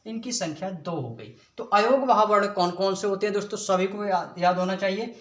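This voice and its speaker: A young man teaching an exam-prep lesson in a high voice. He puts each question to the class and answers it himself, with "friends" in almost every sentence. The room around him is echoey. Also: brisk, a bit bright.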